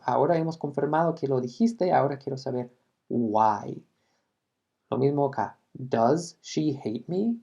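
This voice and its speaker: A man with a Midwestern American accent explains an English lesson in a measured, unhurried way. His voice is mellow and relaxed. He repeats example sentences carefully and at a slow pace. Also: medium pitch, gravelly, muffled recording. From Michigan, United States. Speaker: English teacher.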